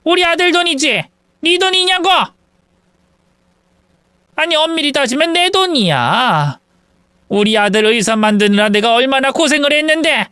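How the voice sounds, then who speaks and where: Man doing an older mother-in-law, shrill, scolding, high voice, dry close sound. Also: animated, normal speed, long pauses, bright, forceful tone, no echo, full character voice. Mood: furious. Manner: shrill, accusing tirade.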